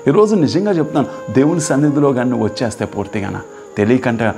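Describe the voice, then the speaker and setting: A man preaching a fervent sermon as pastor, swinging from urgent, high repeated cries to slow, hushed passages. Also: over music.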